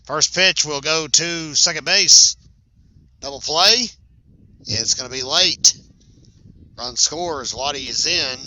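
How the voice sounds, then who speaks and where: Bright-voiced man calling softball play-by-play. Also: mid-range voice, low-quality recording. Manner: chatty, self-correcting, laughs at big plays. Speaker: play-by-play announcer. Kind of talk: sports commentary. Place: at a high school softball field.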